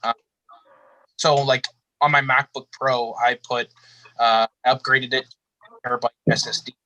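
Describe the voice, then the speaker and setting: A man talking in casual chat on a live call from his phone, halting with fillers, his audio breaking up and cutting out. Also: mid-range voice, level tone, bright, forceful tone, no echo, low-quality recording. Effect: audio cutting out over a phone connection. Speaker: guest on a live show.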